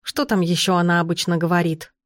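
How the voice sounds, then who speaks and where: A woman's voice: fairly low pitch, fairly even intonation, a little fast, dry recording, studio quality, close to an everyday voice. A woman voicing a young noble lady, gloomy and reluctant, with a pleading tone.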